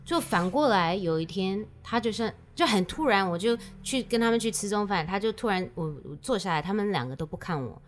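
A woman's voice: medium pitch, lively intonation, brisk, few pauses, a little hiss or hum. A woman telling a personal story in casual chat, slipping English words and phrases into her speech. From United States. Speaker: guest.

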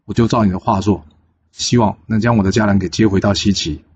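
A man's voice: lowish voice, steady tone, fast, a little mellow, lo-fi sound, slight background noise, natural voice. A man voicing a gullible, easily swayed young general in a storybook tale.

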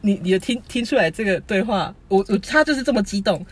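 A podcast co-host with a Taiwanese Mandarin accent, telling stories in animated casual chat and laughing often. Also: medium pitch, fast, no room sound.

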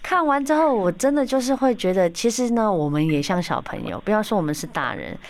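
A woman with a Taiwanese Mandarin accent hosting a podcast, chatty and quick to agree with her guest. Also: mid-range voice, sing-song. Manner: chatty, warm agreeing with many short backchannels. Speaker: podcast host. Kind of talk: casual podcast interview.

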